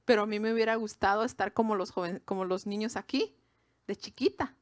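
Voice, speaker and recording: A woman's voice: mid-range voice, fairly quick, no echo, studio quality. A woman from Mexico with a Mexican accent, giving an informal sermon to a women's gathering in a conversational way, with asides to her listeners. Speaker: preacher.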